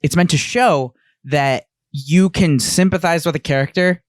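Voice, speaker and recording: A man's voice: a little high, unhurried, no echo, studio quality. A man co-hosting a casual anime podcast, talking bluntly with casual swearing. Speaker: podcast co-host.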